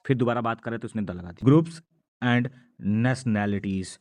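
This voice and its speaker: A man's voice: mid-range voice, a little slow, a little mellow. Man teaching a grammar lesson. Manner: explains patiently, asks and answers his own questions. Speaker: English teacher.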